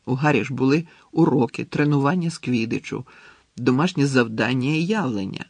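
A man narrating a storybook in a measured, expressive reading. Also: mid-range voice, slightly rough, no room sound. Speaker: audiobook narrator.

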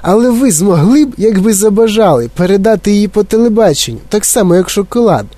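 A man's voice: sits high, lively intonation, quick pace, dry recording, voice pushed up. Man doing a brash, insistent young boy. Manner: eager, insistent, shouting. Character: brash, pushy television-obsessed boy. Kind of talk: audiobook character voice.

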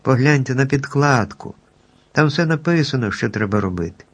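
A man voicing a small, dignified mouse queen who speaks with stately calm in a storybook reading. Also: medium pitch, moderate pace, slightly rough, voice pushed up.

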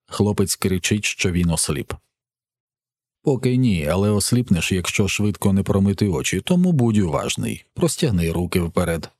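Low voiced guy reading an audiobook, dry close sound, steady pace. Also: no room sound. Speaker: audiobook narrator. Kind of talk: scripted narration.

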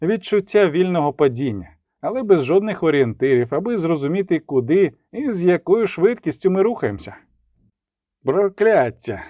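A man reading an audiobook as narrator, with lively dramatic emphasis and the dialogue lines voiced. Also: fairly high pitch, fairly quick, hardly any pauses, dry recording, clean studio sound. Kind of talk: scripted narration.

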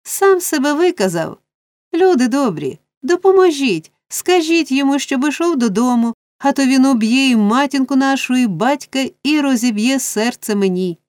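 A woman voicing a scheming young woman who wails loudly and theatrically. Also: animated, unhurried, dry recording, clean studio sound. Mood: wailing. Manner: shrill, wailing, theatrical.

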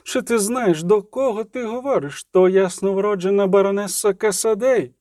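A man's voice: high voice, moderate pace, darkish tone, no echo, studio quality, pitched above the performer's own voice, lightly acted. A man voicing a stout older woman chaperone with a brittle voice, indignant and pompous.

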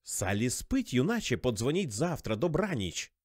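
A cold, stern old grandmother, played by a male narrator, speaking slowly and with reproach. Her voice is dry and close, with no room sound, and her pitch rises and falls in lively swings. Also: no room sound. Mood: icy. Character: stern elderly grandmother, woman, icy.

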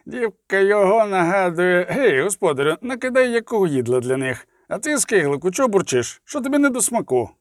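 A man's voice: high-pitched, big pitch swings, brisk, few pauses, no room sound, studio quality, voice pushed up. A man reading aloud and voicing a coarse, rowdy male mercenary who jeers at his comrades. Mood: jeering. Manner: rowdy, jeering.

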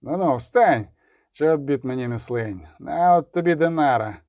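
A man voicing a cold, menacing male interrogator who speaks slowly and curtly. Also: a little high, lively intonation, a little mellow, dry recording, clean studio sound. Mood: mocking. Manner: slow, curt, threatening.

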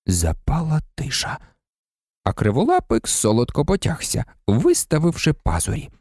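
A man narrating an audiobook in an expressive, animated way. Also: mid-range voice, moderate pace, no room sound, studio quality.

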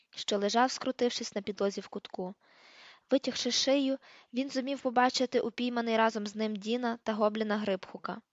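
A woman narrating an audiobook in a steady, even storytelling manner. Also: fairly high pitch, dry recording. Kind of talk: audiobook reading. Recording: dull lo-fi recording.

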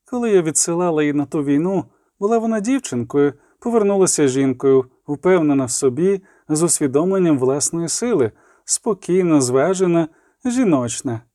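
A plump older priestess reflects in a warm, motherly tone, as a male reader voices her. Her voice is mellow and rises and falls freely. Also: fairly high pitch, animated, moderate pace, dry recording, studio quality, close to an everyday voice. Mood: reflective.

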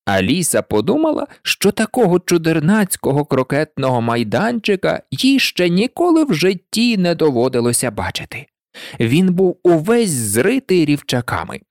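A woman narrating a storybook audiobook in an expressive storytelling manner on a close mic. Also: deep voice, no echo.

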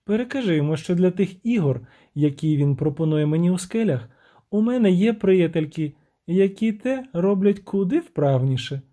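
A shrill, indignant young siren, as a male narrator puts her on in an audiobook, complaining in a high singsong lilt. Her voice leaps around wildly but stays mellow and soft in tone. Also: lively intonation, moderate pace.

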